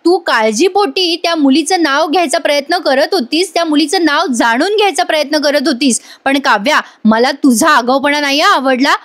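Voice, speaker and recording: A stern elder sister lays down the law in a firm, scolding tone, as a woman recapping a serial puts her on. Her voice is high and clear. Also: moderate pace, few pauses, fairly bright tone.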